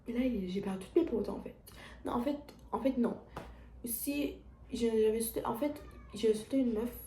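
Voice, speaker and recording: A woman's voice: on the high side, mellow, reverberant. A teenage girl with a French accent, talking casually to her viewers in a rambling confessional vlog at home, full of restarts and fillers. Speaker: vlogger. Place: at home, indoors.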